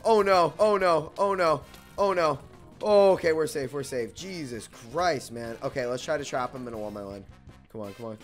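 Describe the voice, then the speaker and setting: A young man commentating on his gameplay as a hyped gamer bro, excitable and slangy, often repeating short phrases. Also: a little high, normal speed, faint music behind. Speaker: gaming video host.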